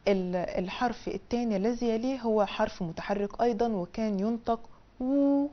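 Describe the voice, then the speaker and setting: A woman's voice: fairly even intonation, fairly quick, lo-fi sound. A woman with an Egyptian Arabic accent teaching a language lesson on television, explaining step by step in a colloquial way. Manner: drills syllables in a high sing-song, then explains in colloquial Egyptian Arabic. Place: television studio.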